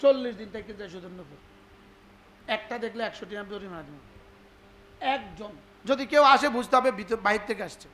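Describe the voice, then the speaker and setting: A man's voice: high voice, moderate pace, long pauses, pushed and bright, slight background noise. A man preaching a sermon, asking the crowd rhetorical questions and acting out dialogues. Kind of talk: Islamic sermon (waz).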